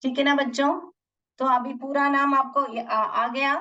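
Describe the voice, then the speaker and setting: A woman's voice: sits high, flat delivery, moderate pace, sharp tone, far from the mic, highs cut off. A woman teacher explaining an English lesson to children, mixing Hindi and English, spelling out words and asking the class questions.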